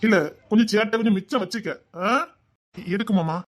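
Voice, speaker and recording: A man with a Tirunelveli Tamil accent performing a comic family sketch, trading teasing banter between relatives. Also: a little fast. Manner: teasing banter, jumping between high and hushed lines.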